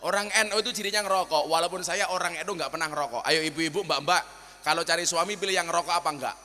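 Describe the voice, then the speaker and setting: A man's voice: on the high side, fast talker, bright, forceful tone, a little hiss or hum. A man with a Javanese accent preaching a humorous sermon to a crowd, joking and telling stories as he switches between dialects. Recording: long hall reverb.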